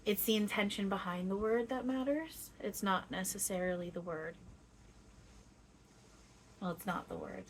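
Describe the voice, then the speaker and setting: A woman speaking as a seance medium, voicing a gentle, playful, loving spirit guide who teaches in halting phrases with long pauses. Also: medium pitch, lightly acted. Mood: calm, reverent. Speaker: trance channeler. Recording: clear steady background noise.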